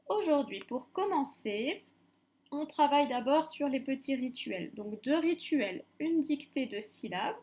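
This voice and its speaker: Lady teacher doing a phonics lesson for little kids, slowish and kinda high, says every syllable twice. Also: a little mellow. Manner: slow, clear dictation, repeating each syllable. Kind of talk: phonics lesson for young children.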